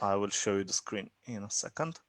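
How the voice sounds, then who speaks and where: A man's voice: lowish voice, animated, brisk, no room sound. A man hosting a live Q&A over a video call, answering with brief, attentive replies. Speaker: host of a live Q&A.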